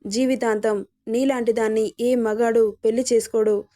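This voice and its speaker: A woman's voice: fairly high pitch, level tone, moderate pace, dark tone, natural voice. A woman reading the part of a stern middle-aged mother who harshly scolds her daughter. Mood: scolding.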